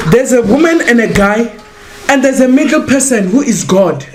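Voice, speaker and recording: A young man hosting a podcast, talking in a loud, excitable way that turns into shouting and preaching. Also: extremely high pitch. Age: young adult. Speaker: podcast host. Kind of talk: heated casual debate. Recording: echoey room with background noise.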